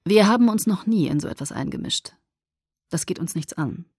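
A woman voicing a calm, cautious older male vampire leader in a measured, low voice, in an audiobook reading. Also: breathy edge, no room sound, studio quality. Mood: firm.

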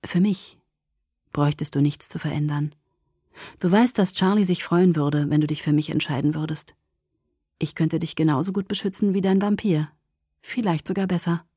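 A woman's voice: deep voice, normal speed, mellow, husky, dry recording, studio quality. A woman doing a cocky, pleading young man. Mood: pleading softly. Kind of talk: audiobook character voice.

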